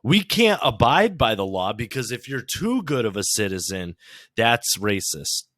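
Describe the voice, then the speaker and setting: A man's voice: mid-range voice, big pitch swings, unhurried, a bit bright, no echo, clean studio sound. A man hosting a podcast, ranting casually and swearing often. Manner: profane, ranting. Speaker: podcast host.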